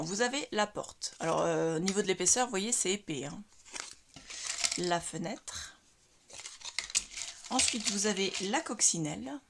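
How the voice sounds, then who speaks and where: Woman vlogger, mid-pitched, chatty showcase of craft supplies, paper rustling and clicking right by the mic. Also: vocal fry, noisy background. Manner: chatty, describes items one by one with many fillers. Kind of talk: casual product showcase. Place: home craft room lit by ceiling light.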